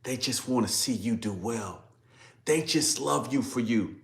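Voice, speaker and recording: A man's voice: medium pitch, a little slow, gravelly. A man preaching a devotional sermon, acting out scripture dialogue and breaking into emotional exclamations. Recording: roomy echo.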